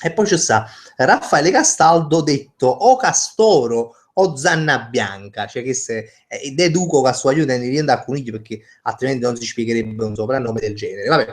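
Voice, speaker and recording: A man's voice: medium pitch, animated, moderate pace, few pauses. A man with a Neapolitan accent hosting a casual live stream, rambling and joking as he reads out viewers' names.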